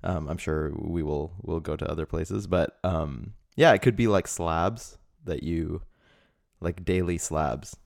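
Speaking at a measured pace, a man with a low-pitched, slightly mellow voice and vocal fry co-hosts a comedy podcast. His casual chat is giggly and rambling, packed with fillers and frequent bursts of laughter, recorded at studio quality without echo.

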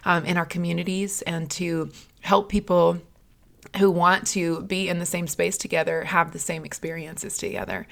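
A tired-sounding woman hosting a podcast in a hoarse, raspy voice like a smoker's, speaking conversationally and earnestly. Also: lowish voice, steady tone, moderate pace. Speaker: podcast host.

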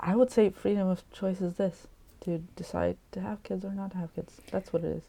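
A woman's voice: medium pitch, fairly even intonation, a little fast, vocal fry, mellow. A woman co-hosting a podcast in casual chat, agreeable and often restarting her sentences.

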